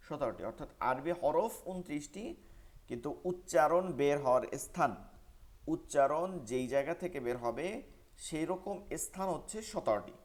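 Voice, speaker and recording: A man with a Bangladeshi Bengali accent teaching Quran pronunciation in an online class, repeating sounds for students to follow. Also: fairly high pitch. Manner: repetitive drilling, call-and-response recitation. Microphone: online class microphone.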